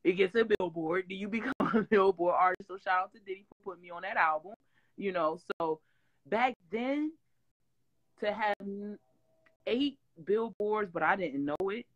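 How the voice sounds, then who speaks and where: Chatting over a video call from a room with a green wall behind her, this Detroit woman, once a singer on a reality show, speaks in a rough, mid-range voice at normal speed. She's an animated storyteller, swinging loudly in volume and laughing, though the audio sounds dull.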